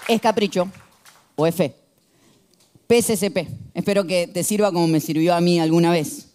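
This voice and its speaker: A man in his thirties with an Argentine accent, preaching a sermon in an animated, humorous way and acting out shouted quotes. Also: high-pitched, moderate pace. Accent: Argentine Spanish. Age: 30s.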